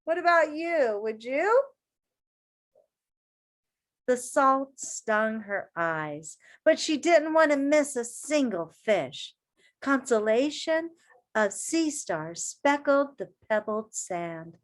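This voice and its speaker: Reading a picture book to children, a high-pitched woman teacher performs it expressively and stops now and then to put questions to her young audience.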